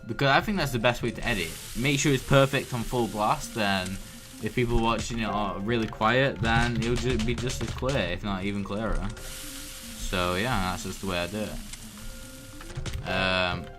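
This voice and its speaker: Male let's player, deep-ish, flat and rambling, mutters numbers, over loud game music. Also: moderate pace. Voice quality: tends toward monotone. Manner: rambling, counts orders aloud under his breath. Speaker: let's play host. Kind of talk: casual gameplay commentary. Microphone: desk microphone at full volume.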